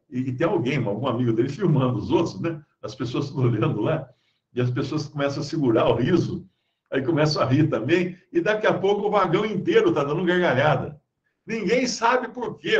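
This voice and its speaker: A man teaches the Bible conversationally, reading scripture aloud and explaining it through everyday stories. His medium-pitched voice is fast and expressive, and the recording sounds roomy, dull and lo-fi.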